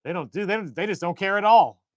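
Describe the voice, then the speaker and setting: A man co-hosting a casual live stream from a shed workshop, talking in long rambling, animated stories. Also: high-pitched, fast, dry recording. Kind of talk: casual chat.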